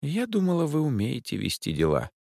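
A man's voice: wildly swooping pitch, gravelly, darkish tone, dry recording, clean studio sound, heavily acted. A man voicing a haughty, nervy rich woman client who talks imperiously and panics easily. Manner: shrill, imperious, quick to panic.

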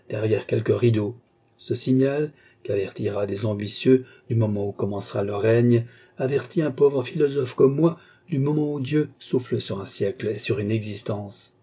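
A man reading the part of a solemn old philosopher who speaks in grave, measured prophecy. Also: mid-range voice, warm tone, slightly rough, natural voice.

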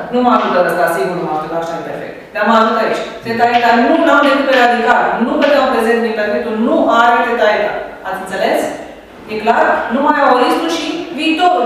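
A woman's voice: fairly high pitch, slight background noise. A woman teaching a class, explaining step by step and often checking that students follow. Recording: echoey classroom from far off.

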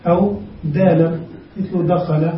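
A man teaching an Arabic grammar lesson, speaking slowly and deliberately and spelling out word forms step by step. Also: high-pitched, fairly even intonation, recorded from a distance, a little hiss or hum. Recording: muffled, echoey classroom recorded from afar.

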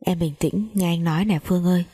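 A steady young man tries to calm his girlfriend with soothing, urgent words. The voice is low and husky. A woman storyteller voices him. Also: quick pace, no room sound, clean studio sound.

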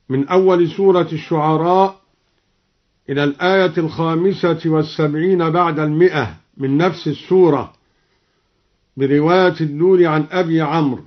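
A man teaching Quran recitation variants in a radio lesson, explaining each point in a measured, scholarly way. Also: fairly high pitch. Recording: dull lo-fi archival radio recording.

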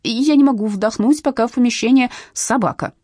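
A woman's voice: sits low, very animated, normal speed, a little mellow, slightly rough, no room sound, studio quality, voice pushed down, exaggerated voice. A woman voicing a fussy, pompous man who complains dramatically about feeling ill. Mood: whiny. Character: fussy, sickly, pompous male office worker.

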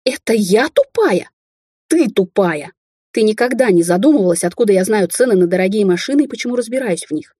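A proud young heir from a wealthy Chinese family, quick to flare up, voiced by a woman reading a novel aloud. The tone is dark and mellow with a husky edge, recorded close and dry, with no room sound. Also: mid-range voice, no room sound, natural voice. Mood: angry. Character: young Chinese man, rich heir, hot-tempered.

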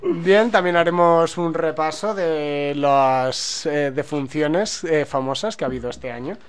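Slow-talking radio host, joking. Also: male voice, fairly high pitch, slight background noise. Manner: joking, halting with many fillers and restarts. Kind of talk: casual radio chat. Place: small radio studio.

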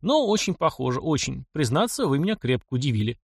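A man's voice: mid-range voice, sing-song, fast, creaky, slightly rough, no room sound, studio quality, full character voice. A man voicing a practical young mechanic in an audiobook, blunt, wry and stubborn. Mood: measured. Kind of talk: audiobook character reading.

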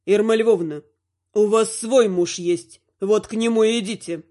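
Brief: woman reading a fed-up, weary dad, lowered and grumbling. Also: unhurried, mellow, lightly acted. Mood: exasperated. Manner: grumbling, exasperated. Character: irritated weary father, son-in-law.

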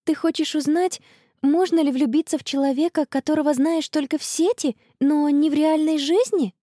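A woman voicing an excitable, worried teenage schoolgirl in a storybook, talking high and fretful. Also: moderate pace, no echo, studio quality, close to an everyday voice. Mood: worried, eager.

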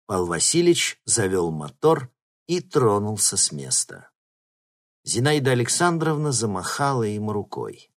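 A man narrating an audiobook with a lively, expressive reading. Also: fairly low pitch, unhurried. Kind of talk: scripted narration.

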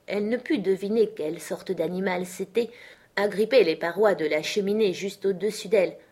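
A woman narrating a storybook audiobook in a soft, even reading voice. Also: medium pitch, normal speed. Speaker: audiobook reader.

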